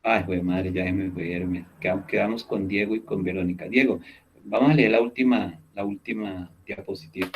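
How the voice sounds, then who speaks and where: A man's voice: deep voice, fairly even intonation, moderate pace, lo-fi sound, slight background noise. A man teaching a class over a video call, explaining step by step and often checking in with his students. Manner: explanatory, repeats key words, checks in with "¿listo?". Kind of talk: online class lecture.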